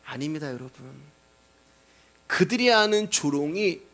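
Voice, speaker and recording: A male pastor delivers a sermon, walking through scripture and putting rhetorical questions to his congregation. His voice sits high for a man. He explains the text plainly and cues each reading aloud. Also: expressive, unhurried, a bit bright.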